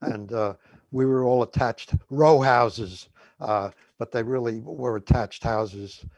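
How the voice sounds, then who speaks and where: A man's voice: medium pitch, slow pace, darkish tone, no echo. An older man in his seventies or beyond with a New York accent, chatting in a rambling, hesitant way as a radio co-host. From Woodhaven, Queens, New York. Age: 70s or older. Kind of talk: casual reminiscing radio chat.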